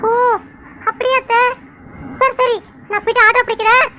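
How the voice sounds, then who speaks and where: A woman doing a hurried, helpful aunt. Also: very high-pitched, level tone, sharp tone. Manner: hurried, obliging. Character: quick, helpful aunt of the house. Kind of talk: cartoon voice acting. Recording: background music under voice.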